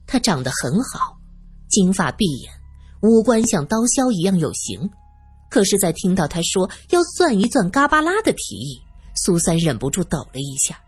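Woman reading an audiobook, really animated, husky, bit of music underneath. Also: medium pitch, moderate pace. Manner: expressive, lively storytelling. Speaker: narrator. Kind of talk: serialized audiobook narration.

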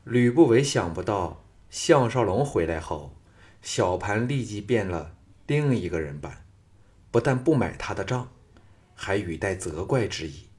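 A man narrating a martial arts novel as an audiobook in a steady, measured storytelling voice. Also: on the low side.

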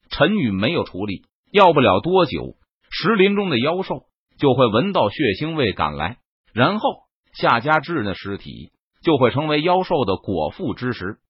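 A man narrating an audiobook in a dramatic, animated storytelling manner, on a muffled lo-fi recording. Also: medium pitch, breathy edge, no room sound.

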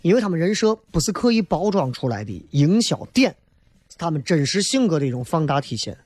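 A man's voice: on the high side, sing-song, fairly quick, darkish tone, no echo. A man hosting a talk show, giving a casual comedic monologue in a colloquial, emphatic way, often tossing in rhetorical questions.

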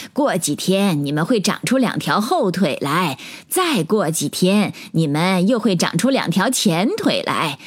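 A woman doing a gentle mother frog. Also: lowish voice, slightly rough, full character voice. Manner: slow, soothing, motherly.

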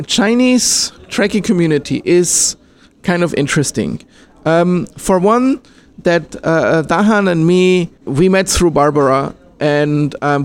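A man from Austria answering interview questions in a casual, hesitant way, with many pauses and restarts. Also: fairly high pitch. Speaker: interviewee, fan filmmaker.

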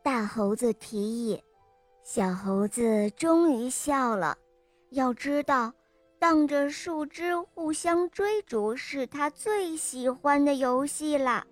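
A woman narrating a children's bedtime story in a slow, gentle, sing-song way. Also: sits high, lively intonation, no echo, faint music behind.

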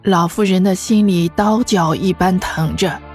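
A woman narrating a fan audio drama in an even storytelling manner. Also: fairly low pitch, measured pace, soft background music. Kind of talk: scripted narration.

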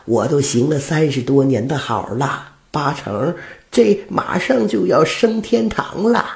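A man voicing a pious, self-righteous old beggar woman with a slow whining drawl. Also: a little high, animated, creaky, voice pushed up. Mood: whiny.

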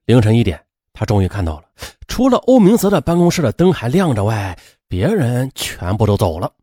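Guy telling a true crime story, husky, pitch swings all over, super dry sound. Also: huge pitch swings, brisk, dark tone, dry recording. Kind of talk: dramatic true-crime narration.

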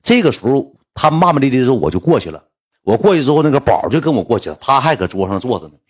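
A man's voice: mid-range voice, sing-song, racing, slightly rough. A man with a Northeastern Mandarin accent telling a rambling, colloquial anecdote, often repeating himself. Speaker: storyteller.

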